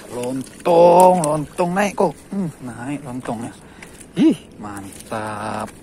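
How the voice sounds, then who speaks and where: A man's voice: medium pitch, sing-song, slow, a little mellow, a little hiss or hum. A man from Aceh commentating live on his own fishing trip, calling out and repeating short words whenever a fish bites. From Aceh, Indonesia. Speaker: fishing vlogger. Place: outdoors by the water.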